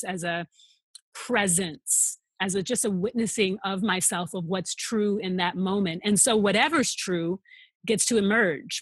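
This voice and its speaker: A woman's voice: medium pitch, husky, no echo. A woman guest on a podcast, answering questions earnestly and thoughtfully, often speaking in flowing lists. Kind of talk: reflective interview answers.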